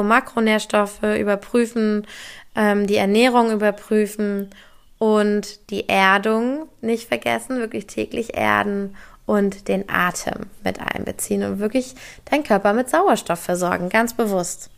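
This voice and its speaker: A young woman hosting a solo podcast, talking quickly and enthusiastically, slipping English words into her speech. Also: mid-range voice, steady tone, gravelly. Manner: talks quickly. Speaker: podcast host.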